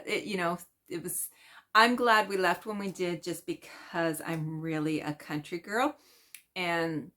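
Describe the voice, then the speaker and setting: A woman's voice: deep voice, a bit bright. A middle-aged Canadian woman chatting casually in a stitching vlog, meandering with many fillers and restarts. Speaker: cross-stitch vlogger. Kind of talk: casual rambling chat.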